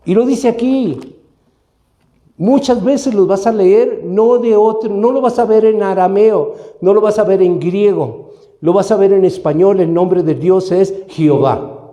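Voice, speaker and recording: A man from Mexico preaching as pastor, with a somewhat high but warm, mellow voice. He teaches steadily and keeps checking with his listeners through short questions. The sound carries the echo of a church room. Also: a little slow. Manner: teaching, asks the congregation questions. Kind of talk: sermon. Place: church hall.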